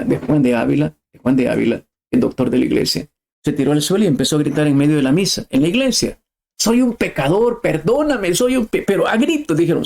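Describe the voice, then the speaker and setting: A man's voice: on the high side, creaky, a little mellow, husky. A middle-aged man preaching a sermon, impassioned and emphatic, rising to cries.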